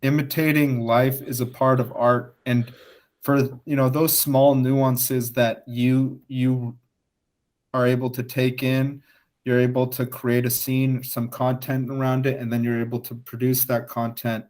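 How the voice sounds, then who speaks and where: A man's voice: medium pitch, level tone, unhurried, a little mellow. A man hosting a podcast interview, talking casually and filling gaps with "you know". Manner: leans heavily on "you know". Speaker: podcast host.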